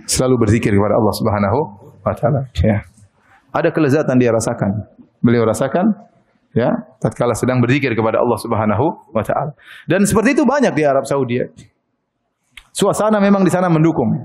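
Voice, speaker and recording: A man's voice: medium pitch, a little mellow. A middle-aged Indonesian man giving a sermon as an Islamic preacher, telling stories with frequent "ya" asides and light laughter.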